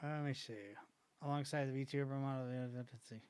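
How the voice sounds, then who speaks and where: A man's voice: mid-range voice, little pitch movement, quick pace, darkish tone, clean tone. A man chatting casually on a stream, joking and rambling with a slight wheeze. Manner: joking, self-mocking, rambling. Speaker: streamer reacting to videos.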